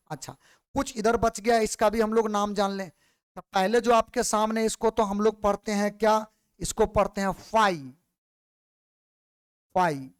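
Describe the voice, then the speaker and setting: A man's voice: sits high, clear, resonant tone. A male physics teacher, lecturing patiently and repeating questions back to his students. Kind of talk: classroom lecture.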